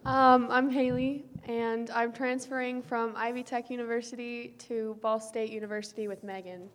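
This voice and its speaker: Young woman student, hesitant, higher voice, long hall reverb with faint noise. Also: flat delivery, moderate pace. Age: young adult. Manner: shy, hesitant, with fillers. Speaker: graduating student.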